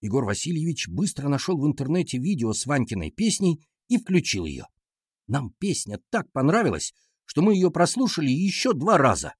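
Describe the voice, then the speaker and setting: Expressive children's audiobook narrator, male, slightly high, husky. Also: normal speed, dry recording, studio quality. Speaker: audiobook reader. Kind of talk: scripted narration of a children's story.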